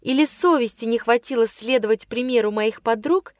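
A woman narrating a first-person story in a measured storytelling way. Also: a little high, a little mellow, no echo, clean studio sound. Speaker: audiobook reader.

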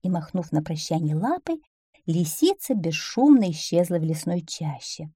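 A woman reading a children's tale aloud with expressive, animated storytelling. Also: lowish voice, normal speed, husky, no room sound, studio quality.

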